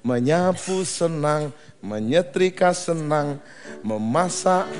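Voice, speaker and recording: A man preaches a lively, teasing sermon and draws the congregation into call-and-response. His voice sits a little high. Faint music plays behind him, as at a live church service. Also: takes it slowly. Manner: animated, teasing, swings to shouting and back. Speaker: pastor. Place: large church hall.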